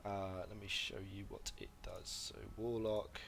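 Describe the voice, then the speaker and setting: Speaking a little slowly in a level tone, a man with a fairly low, gravelly, somewhat bright voice presents a casual game guide against slight background noise. His throat seems mildly irritated, bringing a slight cough, and he rambles with plenty of fillers and self-corrections.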